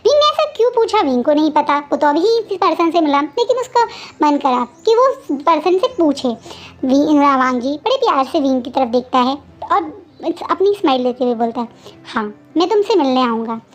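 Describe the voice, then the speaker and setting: A woman casually retelling her own fanfiction, halting and often restarting. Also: high voice, big pitch swings. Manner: halting, with many fillers and restarts. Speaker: fanfiction narrator. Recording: dull lo-fi recording.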